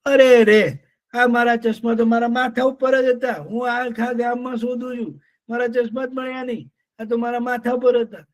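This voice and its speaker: A man's voice: very high-pitched, steady tone, moderate pace, voice pushed up. A man voicing a chatty, plump, forgetful female lapwing who frets fussily in a children's story. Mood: exclaiming.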